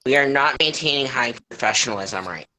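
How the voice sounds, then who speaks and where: Guy trading dry jokes between lines; bright, crisp-edged voice. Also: medium pitch, lively intonation, fairly quick, low-quality recording. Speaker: reader in a live group reading. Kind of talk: casual joking banter.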